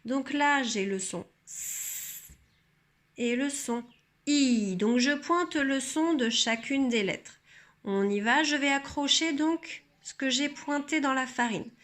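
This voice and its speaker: A woman teacher calmly explaining a reading method, sounding out syllables slowly and carefully. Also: high voice. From France. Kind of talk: instructional demonstration.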